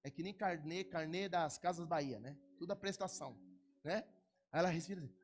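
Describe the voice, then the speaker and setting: A middle-aged man from Brazil preaching a sermon as pastor, moving between quiet, personal asides and loud, rising exhortation. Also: a little high, fairly quick.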